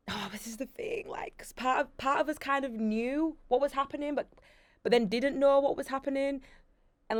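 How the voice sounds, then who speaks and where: A woman's voice: mid-range voice, no room sound. Chatty young woman, dry close sound. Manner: chatty, animated storyteller with lots of fillers. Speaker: guest. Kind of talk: casual interview chat.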